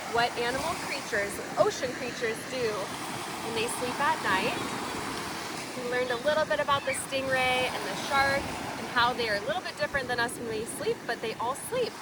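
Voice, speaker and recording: A woman reads a picture book for young children in a high, spirited voice full of pitch swings, taking her time and pausing for asides that put words simply. The microphone sounds somewhat distant, with noisy, surf-like ambience outdoors.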